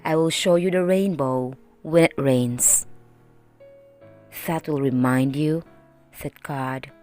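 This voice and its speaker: Woman reading as slow, solemn God. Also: deep voice, darkish tone, soft background music, voice pushed down. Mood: solemn, reassuring. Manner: solemn, measured, reassuring. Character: solemn, kindly male God giving a promise.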